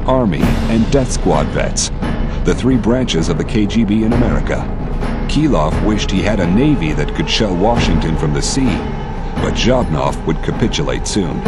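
Male storyteller for action audio drama, very low voice, scripted delivery, prominent music underneath. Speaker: narrator. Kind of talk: dramatized scripted fiction narration. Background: loud dramatic music and effects.

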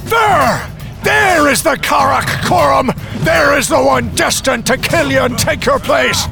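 A man voicing a desperate, vengeful old wizard who shouts his commands in a strained, gravelly voice. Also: extremely high pitch, very slow, over music, heavily acted. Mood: exultant.

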